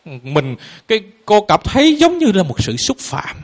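Chuckling monk asking the crowd questions. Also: male voice, high-pitched, wildly swooping pitch, moderate pace. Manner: rhetorical questions, chuckling, playful. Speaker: Buddhist monk teacher. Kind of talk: dharma talk to lay audience.

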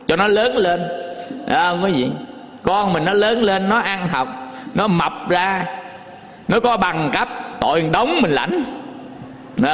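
A man's voice: high-pitched, a bit bright. A man, a Buddhist monk, giving a folksy dharma talk full of rhetorical questions to his listeners. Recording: long hall reverb.

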